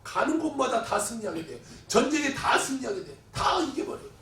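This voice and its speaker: A man preaching a sermon in a church, his voice high and swinging widely in pitch as he tells stories with dramatic flair. The sound carries an echo from the hall, and the mic sits some distance from him. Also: sing-song, a little fast. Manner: dramatic storytelling, acting out crowds and giants in raised shouts. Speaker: pastor. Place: church sanctuary.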